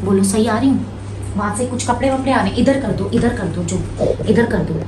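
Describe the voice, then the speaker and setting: A woman hosting a prank vlog at home, chatting to her phone on a tripod and then loudly arguing in a staged quarrel. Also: on the high side, a little fast. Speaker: vlogger host. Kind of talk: casual prank vlog chat. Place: at home indoors. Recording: echoey room with background noise.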